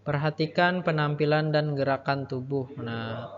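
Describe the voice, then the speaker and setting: A man teaching a lesson, explaining step by step with patient repetition and a habit of ending phrases with a soft "ya". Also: fairly high pitch, measured pace. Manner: explains patiently, repeats key points, ends phrases with "ya". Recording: muffled, roomy with long reverb and crowd behind.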